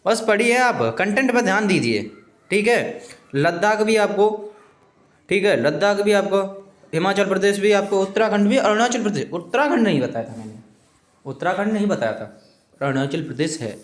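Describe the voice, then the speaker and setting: A man's voice: sits high, lively intonation, normal speed, echoey room. A male teacher giving an informal exam coaching lesson, repeating points and constantly checking in with "okay friends". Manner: repetitive, keeps saying "okay friends"; pleading with viewers, informal.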